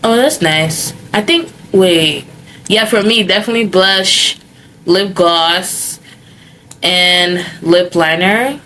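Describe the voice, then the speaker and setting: A young woman hosting a podcast, upbeat and giggly, with quick affirmations. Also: on the low side, bright, forceful tone. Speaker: podcast host. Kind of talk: casual interview chat.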